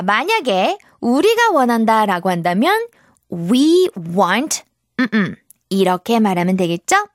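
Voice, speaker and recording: Cheerful, lively woman teacher, slow and dry. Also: a little high, no echo. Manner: bright, encouraging, models pronunciation slowly. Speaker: English teacher. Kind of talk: children's English lesson.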